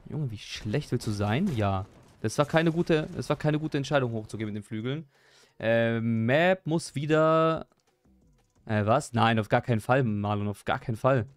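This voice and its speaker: A young man chatting live while he plays a game, excitable, repeating his exclamations and joking at his own expense. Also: mid-range voice, normal speed. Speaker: gaming streamer. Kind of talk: live gameplay stream chat.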